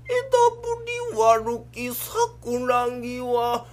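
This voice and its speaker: A showy, theater-mad young heir with a Kansai accent, as a man puts him on in rakugo. He declaims in a stagy kabuki manner. His voice pitches high and swoops widely. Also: big pitch swings, drawn-out words, heavily acted. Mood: theatrical. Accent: Kansai Japanese.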